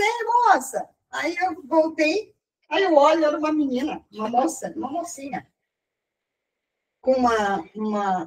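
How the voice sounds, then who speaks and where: High-voiced woman giving testimony. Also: recorded from a distance, poor audio. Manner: animated storytelling, repeats and restarts phrases. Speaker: church group member giving testimony. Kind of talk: personal testimony.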